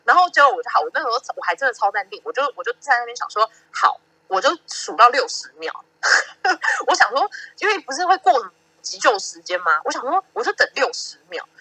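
A woman's voice: fairly high pitch, brisk, husky, no room sound, low-quality recording. A young woman with a Taiwanese Mandarin accent, hosting a casual podcast chat and telling stories animatedly, acting out what people said. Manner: animated storytelling, acting out quoted lines, laughing often. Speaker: podcast host.

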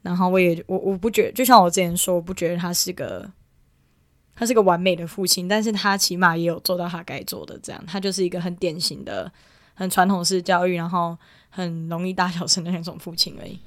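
Fast-talking young woman, dry sound. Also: on the low side, steady tone, no echo. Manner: rambling storytelling with many fillers and restarts. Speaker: guest. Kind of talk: casual chat.

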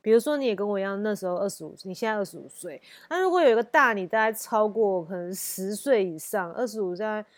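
A woman, telling a personal story in a casual podcast chat, blunt and lively. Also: medium pitch, fast talker, hardly any pauses, no room sound, clean studio sound. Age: 30s. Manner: blunt and animated, acts out heated phone quarrels. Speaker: podcast host.

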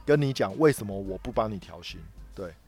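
A man's voice: on the low side, animated, brisk, a little mellow, breathy edge. A man with a Taiwanese Mandarin accent, co-hosting a casual podcast chat and telling a long work story that circles back on itself, with many repeated words. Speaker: podcast co-host.

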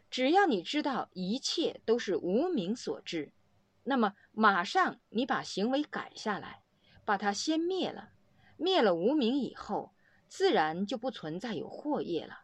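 A woman's voice: a little high, no echo. Female dharma teacher, sage-like and instructive, widely varied intonation, dry close sound. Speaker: Buddhist teacher addressing students. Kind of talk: Buddhist dharma discourse, explaining doctrine.

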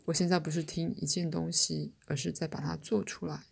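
A newly dead man, bewildered but wry, read by a woman narrating a story, talks about his own death in a matter-of-fact way. The voice is low and husky with some gravel. The character voice stays close to the reader's own. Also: little pitch movement, brisk, heavily acted.

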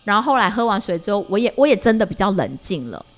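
Medium in pitch and quick in delivery, a mother co-hosts a casual podcast chat. Her family stories come out animated, with lots of fillers and frequent restarts.

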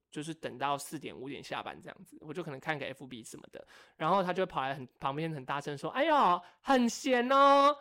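A young man, co-hosting a casual podcast and telling stories with wry, animated complaints. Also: on the high side. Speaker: podcast co-host. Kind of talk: casual chat.

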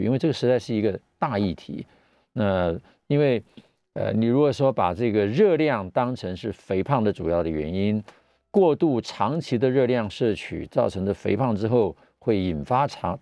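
A middle-aged man with a Taiwanese Mandarin accent hosts a live radio health talk as a physician, explaining in a measured way with pauses and speaking through a face mask. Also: on the low side, mellow, no room sound. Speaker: radio show host and family physician. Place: radio studio.

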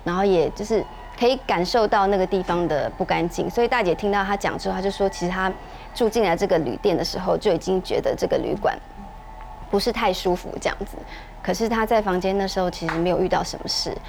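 A woman, co-hosting a podcast and telling a ghost story in a chatty, measured way with many fillers. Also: fairly low pitch, creaky, a little mellow, a little hiss or hum. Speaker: podcast co-host.

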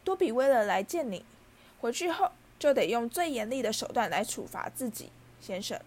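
A woman voicing a small servile male house-elf in a storybook reading, high and shrill, humbly calling everyone sir. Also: big pitch swings, normal speed. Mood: anxious. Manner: humble, keeps saying sir.

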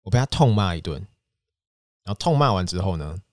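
A young man with a Taiwanese Mandarin accent telling his own story as a podcast host, with animated bursts when he acts out his younger self. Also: low voice, a little fast, no echo, studio quality. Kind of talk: storytelling monologue.

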